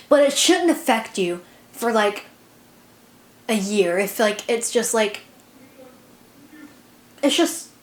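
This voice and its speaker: A young woman vlogging casually, rambling and self-conscious, with constant "like" fillers. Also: medium pitch. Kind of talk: casual confessional chat. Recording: echoey room.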